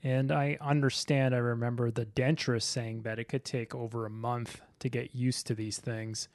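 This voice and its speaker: A man's voice: mid-range voice, little pitch movement, normal speed, a little mellow, no echo, clean studio sound. Teasing male podcast host. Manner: teasing, prodding with questions. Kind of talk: casual podcast chat.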